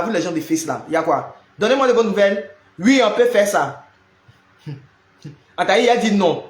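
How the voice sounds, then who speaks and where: A man hosting a casual live stream from home. He greets viewers by name and scatters "là" and "hein" through his talk. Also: high voice. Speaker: live-stream prayer host. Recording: roomy echo.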